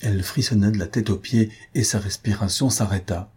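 A man reading a classic novel aloud as an audiobook narrator, in an even, measured way. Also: on the low side, slightly rough. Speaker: audiobook reader.

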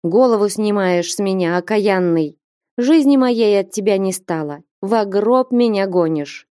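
Woman voicing an angry old woman, shouting, scolding, mellow voice, dry close sound, storybook. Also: fairly high pitch, a little slow, no echo, pitched above the performer's own voice, natural voice. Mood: furious.

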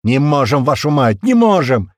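A man voicing a panicked male technician who yells frantically, in an audiobook. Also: medium pitch, fairly quick, no echo, clean studio sound, pitched above the performer's own voice, close to an everyday voice. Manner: frantic, yelling.

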